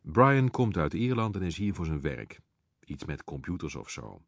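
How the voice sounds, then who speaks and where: A male narrator with a very low voice reads an audiobook in the first person. His delivery is calm but lively in its rises and falls, and the recording is close and dry. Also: moderate pace, gravelly, dry recording.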